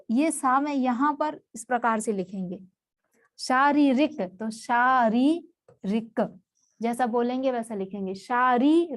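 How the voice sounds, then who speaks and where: A woman teaching a spelling lesson for exam students. She goes through it word by word and repeats each term patiently. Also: high voice.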